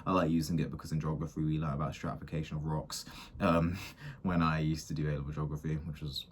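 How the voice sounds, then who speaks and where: A man, a small business owner thinking out loud in a casual, rambling way, full of fillers and restarts. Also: rumbling low, level tone, fast, a little hiss or hum. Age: 20s. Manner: rambling, self-interrupting, many fillers.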